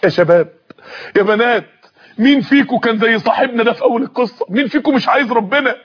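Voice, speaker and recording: Impassioned Egyptian preacher, high and fast. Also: male voice. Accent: Egyptian Arabic. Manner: impassioned, pleading, voice breaking into tears. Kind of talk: emotional sermon storytelling. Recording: muffled lo-fi recording.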